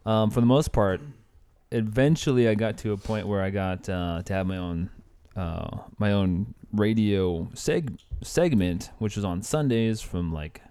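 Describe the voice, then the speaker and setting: A man's voice: lowish voice, a little slow, warm tone, clear, resonant tone. A man in his thirties, a podcast guest, chatting casually in a laid-back, rambling way with frequent laughs. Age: 30s. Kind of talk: casual chat.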